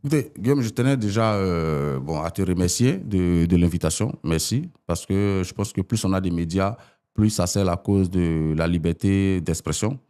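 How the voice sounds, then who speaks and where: Animated man in his forties. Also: normal speed, smooth. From Ivory Coast. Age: 40s. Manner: animated, rising pitch when arguing. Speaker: political guest. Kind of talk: political interview.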